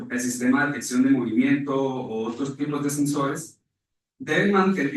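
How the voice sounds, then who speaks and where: A man from Rica, giving a formal, measured academic conference presentation that is partly read aloud, and correcting himself at times. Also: medium pitch. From Costa Rica. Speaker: conference speaker. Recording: echoey hall, voice far from mic.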